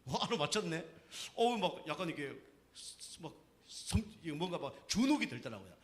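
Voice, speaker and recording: A man's voice: on the high side, very animated, moderate pace. A man preaching a sermon on evangelism as pastor, telling stories with emphatic repetition, in a church sanctuary. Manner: storytelling with acted quotes, emphatic repetition. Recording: long hall reverb.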